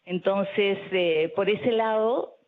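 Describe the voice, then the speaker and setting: A woman telling a personal story at a panel talk, animated and loud at times. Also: medium pitch, takes it slowly. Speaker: speaker at a panel discussion. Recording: tinny phone-like audio.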